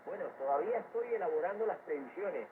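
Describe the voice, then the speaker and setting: A man from Cuba with a high-pitched, expressive voice talks fast as an expert guest in a radio interview, giving explanatory, opinionated economic commentary. It's a noisy shortwave radio capture in a narrow, phone-like band, with loud static and noise in the background.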